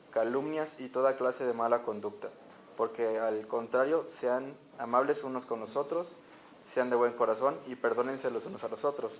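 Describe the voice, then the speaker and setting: A man's voice: mid-range voice, a little hiss or hum, low-quality recording. Man reading scripture aloud. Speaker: scripture reader.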